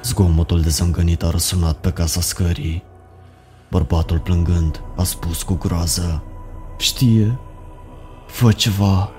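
A man reads a horror story in a very deep, dark voice with little rise and fall. His delivery is slow and even, and faint music plays underneath. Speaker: narrator.

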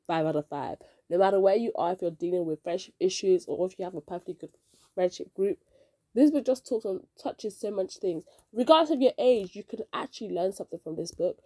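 A woman hosting a casual book review podcast, nasal and stuffed-up from a cold, chatty and excitable as she talks straight to her listeners. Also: fairly low pitch, no echo, studio quality. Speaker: podcast host.

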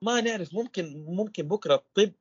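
Fast-talking husky man. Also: high-pitched, no echo, dull audio. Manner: teacherly, keeps asking rhetorical questions. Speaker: podcast guest, stuttering coach. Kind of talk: explanatory podcast interview.

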